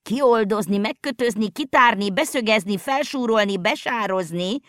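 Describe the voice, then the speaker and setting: A woman voicing an excitable forest friend who exclaims loudly in a storybook reading. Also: low-pitched, creaky, no echo, studio quality, heavily acted. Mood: frantic.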